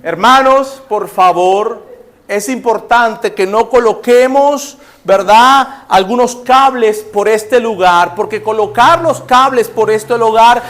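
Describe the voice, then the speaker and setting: A man's voice: extremely high pitch, fairly bright tone, full character voice. A man voicing an orderly church brother making a careful announcement, with a Nicaraguan accent. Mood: earnest. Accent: Nicaraguan Spanish. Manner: formal, deliberate, slow.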